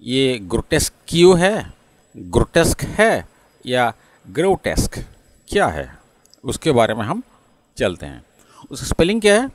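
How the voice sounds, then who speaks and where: A man with an Indian English accent teaching English pronunciation, slowly repeating words and spelling them out letter by letter. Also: medium pitch, wildly swooping pitch, dry recording. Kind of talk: classroom-style lesson mixing Hindi and English.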